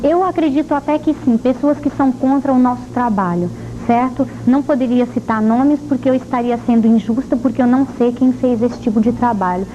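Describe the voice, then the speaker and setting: A woman's voice: fairly high pitch, fairly quick, few pauses, mellow. A woman answering a TV news interview as an association president, firm and assertive, heard from an old VHS tape. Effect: old VHS tape recording. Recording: dull lo-fi old VHS tape with faint hiss.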